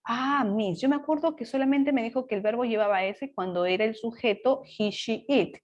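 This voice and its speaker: A woman's voice: a little high, normal speed, dull audio, close to an everyday voice. A woman voicing a young student who thinks aloud and asks her teacher questions. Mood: puzzled.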